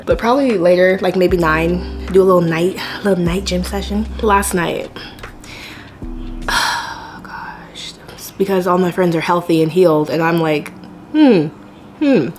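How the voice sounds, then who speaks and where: Chatty young woman vlogging. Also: medium pitch. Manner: candid, chatty, confiding. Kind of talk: casual chat to camera.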